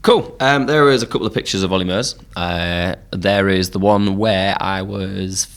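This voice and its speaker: Give me a deep Geordie man, casual and rambling, talking music in a pub. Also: moderate pace. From Newcastle, England. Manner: relaxed storytelling with frequent fillers. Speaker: podcast host and musician.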